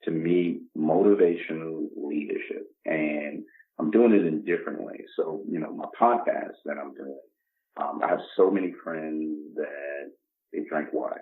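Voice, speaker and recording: A man with an extremely low-pitched voice speaks at a measured pace as a podcast guest, casual and motivational in tone. He's from the Bronx, New York, in his 50s, emphatic and given to acting out imagined dialogue, and the lo-fi recording is dull and muffled.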